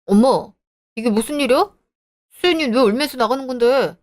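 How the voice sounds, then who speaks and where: A woman's voice: high-pitched, normal speed, lightly acted. A woman voicing a defensive, exasperated young husband in an audio drama.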